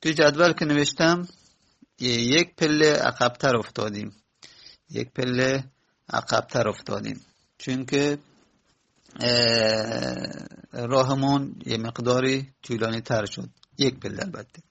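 A male teacher with a gravelly, creaky voice at a middle pitch. He works through each step methodically and drags out example words. He pauses on fillers and stops to correct himself. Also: a bit bright, dull audio. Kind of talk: classroom lesson on verb patterns.

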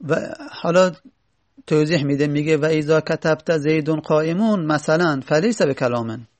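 A man's voice: on the high side, a little mellow. A man teaching Arabic grammar, reading lines from an Arabic text and then explaining them step by step.

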